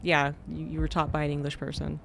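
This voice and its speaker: Streaming a game, a man talks briskly in a slightly high voice with vocal fry, rambling in a relaxed, filler-heavy way. There's a little hiss or hum in the audio.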